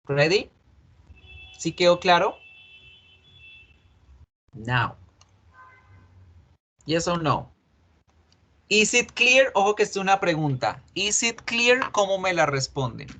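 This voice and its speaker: Male English teacher, slightly high voice, patient, repeats examples slowly. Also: a bit bright. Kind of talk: online class lecture.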